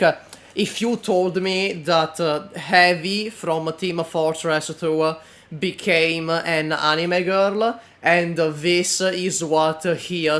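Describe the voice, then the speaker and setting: A man giving unscripted reaction commentary in a halting, deadpan manner. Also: fairly high pitch.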